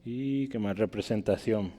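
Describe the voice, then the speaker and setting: A man's voice: a little slow, warm tone. Male preacher, Mexican Spanish accent, reads scripture in a raised voice, long reverb. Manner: reads scripture aloud, often asks "¿verdad?"; rises sharply in pitch and volume when reading verses. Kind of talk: sermon. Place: church hall.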